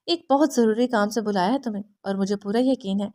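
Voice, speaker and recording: A woman's voice: mid-range voice, dark tone, close to an everyday voice. A woman doing a smug, scheming young man. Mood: smug teasing.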